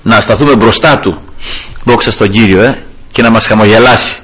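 Husky-voiced man preaching fervently. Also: lowish voice, fairly bright tone. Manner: fervent, repeats praise refrains and addresses the brethren. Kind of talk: sermon.

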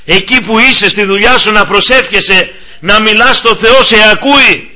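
A man's voice: high voice, bright, forceful tone. A man preaching a sermon, earnestly exhorting and speaking straight to each listener.

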